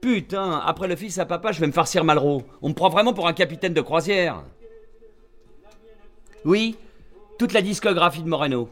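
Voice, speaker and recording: An actor playing an irascible, sarcastic, foul-mouthed agent barking orders over the phone in a radio drama. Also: male voice, fairly high pitch, expressive, normal speed, pauses often, a bit bright, soft background music. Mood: sarcastic, exasperated. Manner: sarcastic, bullying, blunt. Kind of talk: radio drama acting, phone-call monologue.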